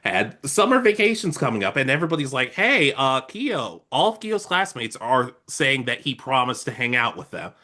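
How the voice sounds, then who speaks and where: Lively animated man chatting casually. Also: mid-range voice, a little fast, few pauses. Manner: animated, acts out characters' lines in quotes. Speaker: podcast co-host. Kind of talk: casual chat about anime.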